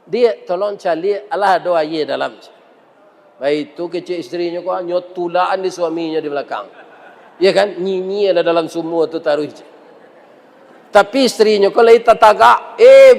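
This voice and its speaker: Minang guy preaching, high pitched, takes his time, keeps asking the crowd stuff, echoey big hall. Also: normal speed, creaky, darkish tone. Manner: jokey, teasing the audience with questions. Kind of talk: humorous sermon with storytelling. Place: large mosque hall. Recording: reverberant mosque hall.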